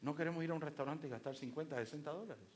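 A man's voice: fairly high pitch, rapid-fire, lightly acted. A man voicing a weary, broke husband who grumbles and scolds his wife about money. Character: exasperated broke husband, middle-aged.

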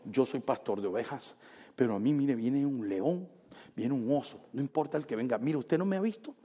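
A man's voice: mid-range voice, normal speed, warm tone, pitched below the performer's own voice, lightly acted. A man voicing an eager, insistent young shepherd boy, in an echoey hall. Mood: boasting.

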